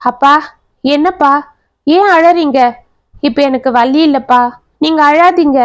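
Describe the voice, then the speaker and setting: A woman's voice: sits high, measured pace, dry recording. A woman storyteller voicing a timid, frightened young woman in a family story. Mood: consoling. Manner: fearful, anxious.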